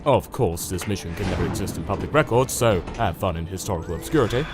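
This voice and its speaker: Over music, a man with a deep voice, lively intonation and a quick pace plays a dry, officious commander in a parody dub. He delivers comic mission briefings in a wry, condescending tone.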